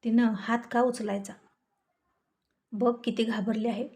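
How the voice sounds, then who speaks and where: A woman voicing a hot-tempered young husband who scolds loudly, in an audio story. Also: on the high side, level tone, measured pace, natural voice. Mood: angry. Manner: shouting, scolding.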